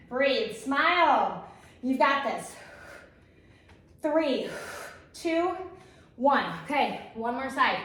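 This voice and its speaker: In a very reverberant room, a little way from the microphone, a woman leads exercise as an aerobics instructor. Her voice sits on the high side, and she gives short, encouraging, energetic commands. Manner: encouraging, energetic coaching in short imperative cues. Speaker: fitness instructor leading a workout. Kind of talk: aerobics instructor cueing and counting down. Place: echoey room, exercising while talking. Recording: very echoey room, distant microphone.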